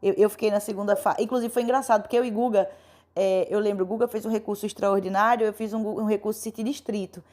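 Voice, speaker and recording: A woman's voice: mid-range voice, fairly even intonation, quick pace, a little mellow. A woman from Brazil hosting a podcast in casual chat, often chiming in with short agreements and asides. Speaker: podcast host.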